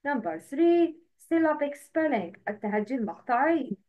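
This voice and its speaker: A woman with an Egyptian Arabic accent teaching a livestream lesson, explaining step by step and repeating terms slowly. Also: high voice, big pitch swings, a little mellow.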